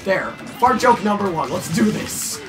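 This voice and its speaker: Brief: young male gamer, high lively voice, game music behind. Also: moderate pace. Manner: excitable, ranting, joking. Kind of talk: casual gaming banter.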